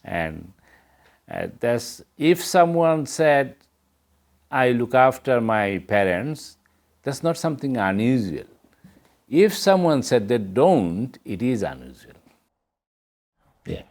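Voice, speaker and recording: A man's voice: mid-range voice, big pitch swings, slow pace, long pauses, darkish tone. A middle-aged man from Bangladesh, speaking earnestly in as an interview guest. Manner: earnest, plain-spoken, non-native English grammar. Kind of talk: interview answers.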